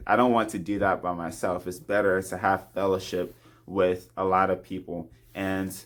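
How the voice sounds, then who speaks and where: A man in a confessional devotional talk to camera, earnest and open about his faith. His voice sits on the low side and he breaks into soft laughs between thoughts.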